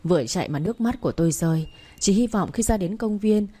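A woman's voice: medium pitch, animated, fast talker, warm tone, slightly rough. A woman narrating a first-person story aloud in an earnest, emotional way. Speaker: audiobook narrator.

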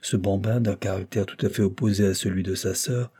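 A man narrating a classic novel as an audiobook, in a steady, even reading. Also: deep voice, a little fast, breathy edge. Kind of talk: scripted storybook narration.

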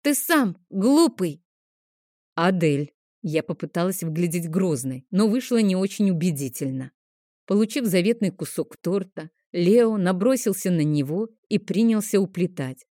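A woman narrating a first-person audiobook in a gentle, expressive storytelling manner. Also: fairly low pitch, no echo, clean studio sound.

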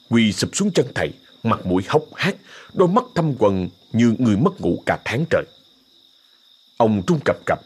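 Husky male ghost-story narrator. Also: mid-range voice. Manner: expressive, vivid storytelling.

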